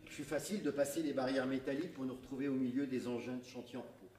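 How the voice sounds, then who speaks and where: A man giving a public reading of a story on a theatre stage, in a measured, dramatic storytelling manner. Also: medium pitch, steady tone, warm tone, soft background music. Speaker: reader. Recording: echoey theatre from far off.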